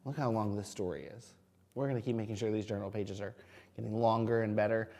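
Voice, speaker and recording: A man's voice: lowish voice, fairly even intonation, a little fast, creaky, darkish tone, a little hiss or hum. A man teaching a reading lesson to young children, speaking to them directly with simple questions and sounding out words. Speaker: kindergarten teacher.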